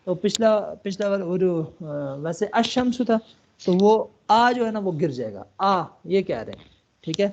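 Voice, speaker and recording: A man from Pakistan teaching an online Arabic lesson, explaining step by step and reading English lines aloud slowly, checking often that the student follows. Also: sits high, big pitch swings, gravelly, a little mellow, lo-fi sound. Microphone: online call.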